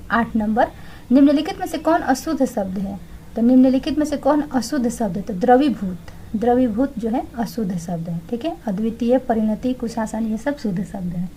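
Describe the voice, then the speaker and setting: A woman's voice: on the high side, dark tone, low-quality recording. A young woman teaching exam answers, explaining each one and then repeating it to check understanding.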